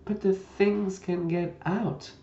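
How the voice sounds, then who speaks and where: A man voicing a gentle, fussy old knight who talks loudly and fretfully. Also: sits high, fairly even intonation, takes it slowly, voice pushed up. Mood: fussy eager. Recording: dull lo-fi roomy recording.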